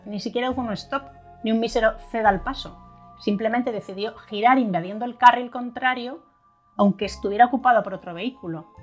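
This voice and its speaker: A woman reading a first-person story in a wry, conversational narration, now and then acting out angry outbursts. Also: medium pitch.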